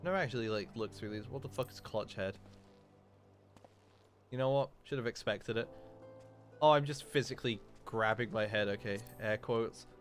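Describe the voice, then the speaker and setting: A man's voice: lowish voice, moderate pace, long pauses, soft background music. A man casually thinking aloud while streaming a game live, rambling and reacting to what he sees. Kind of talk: live gameplay commentary.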